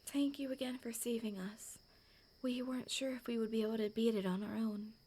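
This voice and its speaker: A woman voicing a young demon hunter, speaking softly and thankfully in a storybook audio drama. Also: fairly high pitch, steady tone, fairly quick, voice pushed up, lightly acted. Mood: grateful.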